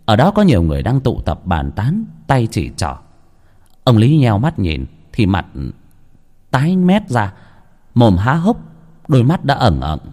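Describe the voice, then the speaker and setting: A man's voice: mid-range voice, huge pitch swings, unhurried, long pauses, mellow. A man narrating a horror story with dramatic delivery.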